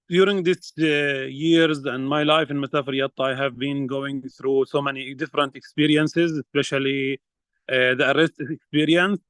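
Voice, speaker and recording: Earnest man with halting English. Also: a little high, a bit bright, clear, resonant tone, no echo, low-quality recording. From Palestine. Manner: earnest, halting with many fillers. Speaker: field researcher speaking at a press conference. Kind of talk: prepared statement at a press conference.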